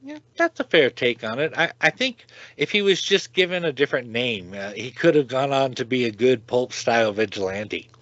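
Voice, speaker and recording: A man's voice: mid-range voice, expressive, moderate pace, fairly bright tone, no room sound, dull audio. A man co-hosting a podcast, talking casually and with strong opinions, often repeating a word as he goes. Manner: chatty, opinionated, repeats words while talking. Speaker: podcast co-host.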